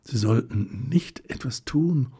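A man's voice: medium pitch, lively intonation, slow, warm tone, husky, voice pushed up, heavily acted. A man playing Helma, an earnest troubled man. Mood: urgent. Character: earnest, troubled male admirer.

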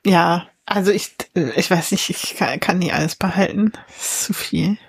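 A woman's voice: lowish voice, moderate pace, gravelly, husky. A woman co-hosting a casual podcast chat, talking with enthusiasm, thinking aloud and laughing often. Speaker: podcast co-host reviewing comics.

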